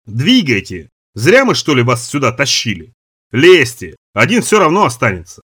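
Cold raider boss, as a man reads him, calm and bossy, a bit husky. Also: medium pitch, moderate pace, full character voice. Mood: cold command. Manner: calm, commanding. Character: cold, ruthless male raider leader.

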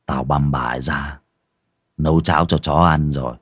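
A man voicing a cold-blooded older village husband with a low, gruff, menacing voice. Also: steady tone, moderate pace, no room sound, clean studio sound, exaggerated voice. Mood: grim hush. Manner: grim, menacing, sometimes hushed.

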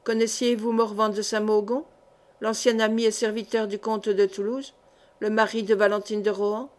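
A woman reading the part of a cunning, sneering middle-aged male seneschal in an audiobook, in a measured, calculating way. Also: mid-range voice, little pitch movement, lightly acted. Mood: musing. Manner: sly, sneering.

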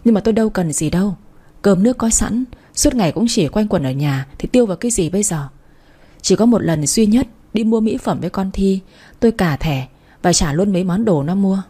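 A woman doing a calm reasoning young wife. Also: medium pitch, brisk, husky. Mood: calm explaining.

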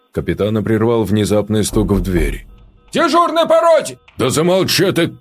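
Deep, husky male audiobook narrator. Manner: steady, measured reading. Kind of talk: scripted narration.

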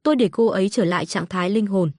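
A woman narrator voicing a calm, unflappable young female exorcist who speaks in a cool, matter-of-fact way. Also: medium pitch, fast talker, dry recording, clean studio sound, natural voice.

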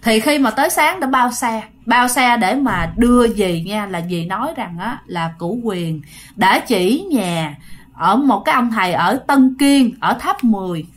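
A woman's voice: a little high, expressive, unhurried. Chatty Southern Vietnamese woman storyteller. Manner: chatty, addressing listeners directly. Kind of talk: casual ghost story telling to listeners.

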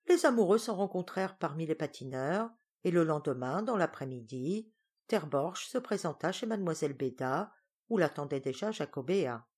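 A woman reading a story aloud as an audiobook, in expressive storytelling narration. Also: low-pitched, normal speed, husky. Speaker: audiobook reader.

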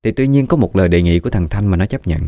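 Deep-voiced Southern Vietnamese man telling a ghost story. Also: lively intonation, fast talker, dark tone. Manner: chatty, gossipy retelling.

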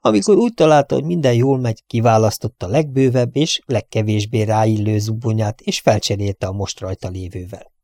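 A man reading a novel aloud as an audiobook narrator, in an even, measured way. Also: fairly low pitch, dry recording, studio quality. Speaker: audiobook reader.

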